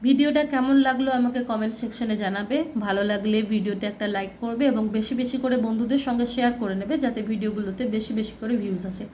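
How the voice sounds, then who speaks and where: Higher-voiced woman teaching a lesson. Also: fast talker, hardly any pauses, darkish tone, slight background noise. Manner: plain, explaining, spells out words and repeats to warn of mix-ups. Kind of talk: reading through a textbook lesson for children.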